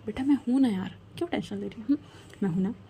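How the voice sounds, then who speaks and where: A caring young best friend, firm but comforting, with a warm, mellow tone, as a woman narrator voices her. She speaks plainly and steadily, giving orders out of concern. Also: on the high side, fast, slight background noise, lightly acted.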